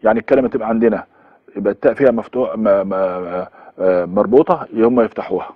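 Fast-talking Egyptian lecturer, lo-fi and dry. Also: male voice, lowish voice, dry recording. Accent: Egyptian Arabic. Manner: explains by listing examples, then repeats them, with fillers. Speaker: university lecturer. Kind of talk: recorded course lecture.

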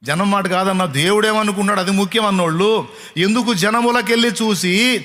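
A middle-aged man preaching with a high-pitched, insistent voice. He keeps firing rhetorical questions at the congregation and repeating his phrases for emphasis. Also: fairly quick, fairly bright tone. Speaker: pastor. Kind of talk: sermon.

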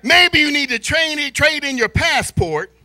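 A church elder in middle age, an American born in Spain to a military family, preaches indoors in a large church hall using a handheld microphone. His very high voice, free of echo, carries an animated, theatrical sermon of stories and call-and-response, with drawn-out emphasis moving from soft asides to loud shouts.

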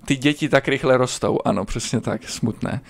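A man streaming a video game, commenting casually and crudely, swearing often and breaking into sudden high yelps. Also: vocal fry. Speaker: gaming streamer. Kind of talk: casual let's-play commentary.

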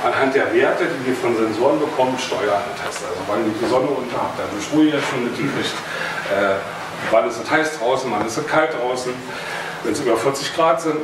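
Standing and wandering in an indoor meeting room with a projector screen, a thirty-something man from Berlin, Germany, with a mid-range voice and a Berlin German accent, delivers a relaxed technical presentation about his hobby. He's chatty, tossing in filler words and small jokes. The audio comes from a distant camera, so it's noisy and very echoey.

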